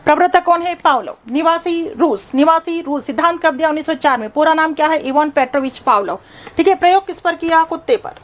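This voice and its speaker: A woman with a high-pitched voice and lively intonation teaches a psychology lesson. She poses questions to her students and answers them herself, then repeats a definition ever more slowly, leaning hard on key words.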